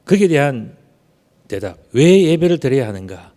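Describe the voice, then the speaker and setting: A man's voice: mid-range voice, very animated, moderate pace, dark tone. A man preaching a Sunday sermon in a church. He talks conversationally, asks many rhetorical questions and stretches out key words for emphasis. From Gyeongsang region, South Korea. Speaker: pastor. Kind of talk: Sunday sermon with personal storytelling. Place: church sanctuary. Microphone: unmasked behind a screen at the pulpit. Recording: long church hall reverb.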